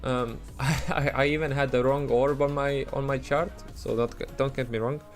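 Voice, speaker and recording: This is casual live-stream commentary from a man with an Estonian accent who chats loosely, answers his chat, and keeps restarting and using fillers. He has a mid-range voice with a steady tone and a moderate pace, backed by soft music.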